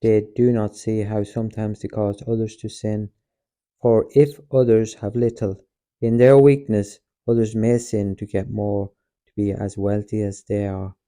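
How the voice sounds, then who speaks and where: A man narrates a book in the first person with a calm, measured, gentle delivery. His voice sits low and sounds mellow and relaxed. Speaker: audiobook narrator.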